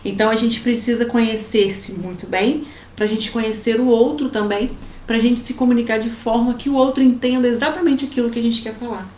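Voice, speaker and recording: A woman with a Brazilian accent, co-hosting a casual advice chat and telling family stories in a lively way. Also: on the high side, brisk. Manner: lively storytelling with acted quotes. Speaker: co-host giving family advice. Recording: roomy with faint background noise.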